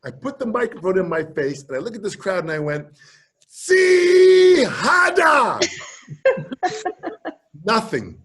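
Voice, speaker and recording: Animated, husky older man telling stories. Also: on the high side, quick pace. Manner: lively storyteller who shouts out quoted lines and mimics voices. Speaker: drum teacher telling stories. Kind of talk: animated storytelling on a group video call. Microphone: video call.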